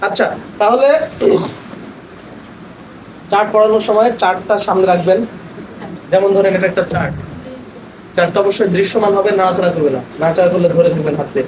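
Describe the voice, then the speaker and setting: A man training teachers in a workshop, asking questions and spelling words aloud slowly. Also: high-pitched. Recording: echoey room with loud background noise.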